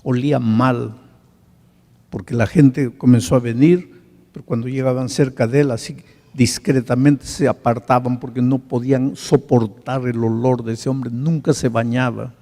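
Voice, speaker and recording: A male pastor telling a story in a sermon, swinging from hushed to loud. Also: mid-range voice, fairly even intonation, moderate pace, big-room sound.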